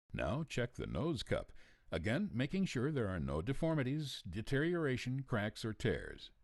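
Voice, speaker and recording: A man narrates an instructional training video from a script. His delivery is measured and procedural, with clear phrasing. His pitch moves a great deal across each sentence, and the recording is dry and close, with little room sound. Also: a little mellow, no room sound.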